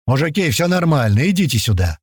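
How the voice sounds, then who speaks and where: A man reading an audiobook, voicing a calm, commanding leader who keeps an armed group in check. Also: a little high, a little fast, slightly rough, no room sound, clean studio sound, pitched above the performer's own voice. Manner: firm and steady, takes charge. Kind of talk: audiobook character voice.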